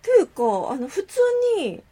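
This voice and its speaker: A woman's voice: high voice, big pitch swings, normal speed, dark tone. A woman from the Kansai region with a Kansai accent, casually chatting as a podcast co-host and laughing easily as she explains. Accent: Kansai Japanese. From Kansai, Japan. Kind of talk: casual chat.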